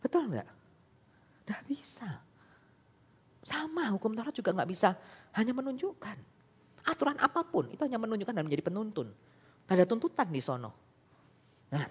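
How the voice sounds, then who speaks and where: A man's voice: high-pitched, fairly quick, breathy edge. Guy preaching at church, chatty sermon, voice jumps up for emphasis, always asking the crowd right or not. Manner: lively, voice rises and falls sharply for emphasis. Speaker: evangelist preacher. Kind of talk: conversational sermon. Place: church service.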